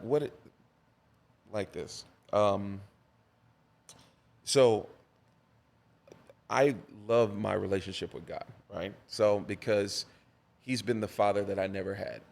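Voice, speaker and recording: Man, low gravelly voice, pastor guest, storytelling interview, repeats phrases for emphasis. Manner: animated storyteller, preacher's cadence, repeats for emphasis.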